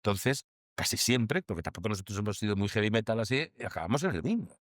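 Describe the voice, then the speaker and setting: A man telling a lively anecdote in a documentary interview, with salty language and acted-out shouts. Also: fairly low pitch, dry recording, clean studio sound.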